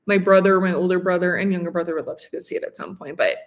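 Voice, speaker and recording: A woman's voice: lowish voice, fairly even intonation, fast. A woman in her twenties from Colorado chatting casually on a livestream with her partner, reading and answering viewer questions. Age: 20s. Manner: chatty, fillers and restarts, reads viewer comments. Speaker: vlogger co-host.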